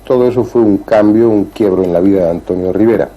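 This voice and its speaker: A man hosting an interview, asking questions and narrating in a calm, thoughtful way. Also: on the low side, fast, highs cut off. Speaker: interviewer and host.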